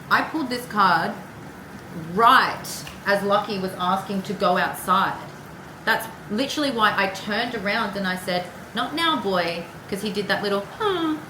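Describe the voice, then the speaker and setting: A woman giving a casual, rambling tarot reading with personal asides and the odd swear word. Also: mid-range voice. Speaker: tarot card reader. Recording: echoey room with clear background noise.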